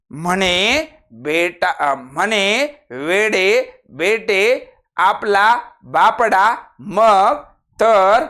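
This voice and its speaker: A man with a Marathi accent and a high voice teaches a grammar lesson to an online class. He acts out each exclamation with big swings in pitch and loudness, then drops back to a low explaining tone, teasing students who stay quiet. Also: smooth.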